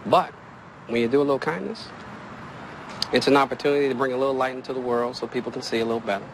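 Man as warm-hearted folksy preacher, gentle and patient, street noise faint. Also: medium pitch, fast talker, close to an everyday voice. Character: kindly male pastor offering chili to a stranger. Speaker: pastor.

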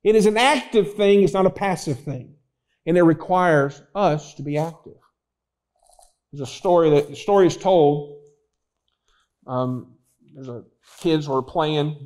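A man's voice: on the high side, darkish tone, poor audio. A man preaching a sermon as pastor, telling stories and acting out voices in them. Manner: storytelling, acts out voices in anecdotes. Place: church.

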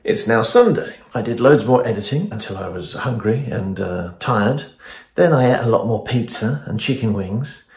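A man in his forties from England, with a London accent, casually vlogs indoors at home, filming himself on a phone camera held at arm's length. He rambles and pokes fun at himself in an animated, mid-range voice with a darkish tone, speaking at normal speed.

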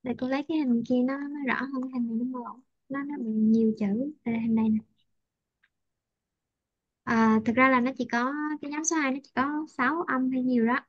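A woman teacher, patiently coaching English pronunciation over a video call, repeating words slowly. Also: sits high, steady tone, no room sound. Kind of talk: online pronunciation tutoring. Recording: dry, lo-fi call audio.

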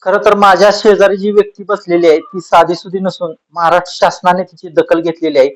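बातमीदार पुरुष, पाहुण्याची ओळख करून देणारा, अडखळत प्रश्न विचारणारा, चढा सूर. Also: male voice, sits high, flat delivery, faint music behind, low-quality recording. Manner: prompting questions with filler pauses. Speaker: news reporter. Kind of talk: news interview questions.

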